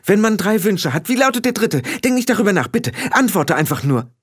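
A man voicing a frantic young witch girl in an audiobook, pleading and firing off rushed questions. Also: high-pitched, very animated, husky, voice pushed up, heavily acted. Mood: urgent. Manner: breathless pleading rush of questions. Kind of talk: audiobook character voice.

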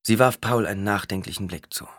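A man narrating a novel as an audiobook in an expressive, dramatic reading. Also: lowish voice, a little fast, dry recording, clean studio sound.

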